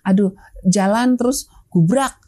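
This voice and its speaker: A woman's voice: mid-range voice, unhurried, dark tone. A woman guest explaining child-rearing in an interview, hesitant with many fillers, acting out little parent and child exchanges. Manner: acts out parent and child lines. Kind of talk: interview, explaining with acted examples.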